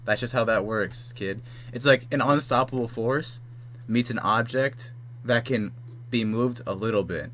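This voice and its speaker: A man's voice: medium pitch, a little slow, a bit bright, a little hiss or hum. A young man in a casual debate, skeptical, pressing his friend with repeated questions.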